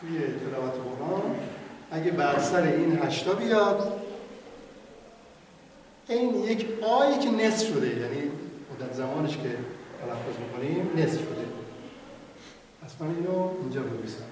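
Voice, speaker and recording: A man teaching Quran recitation in class, stretching out sounds slowly and having students repeat. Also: on the high side, expressive. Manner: demonstrates sounds by drawing them out slowly. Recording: echoey room from far off, faint noise.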